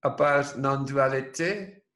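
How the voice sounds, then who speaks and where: Man, podcast host, very slow delivery, hesitant halting speech, casual chat. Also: mid-range voice, a bit bright. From Ireland. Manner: hesitant, halting French with many fillers.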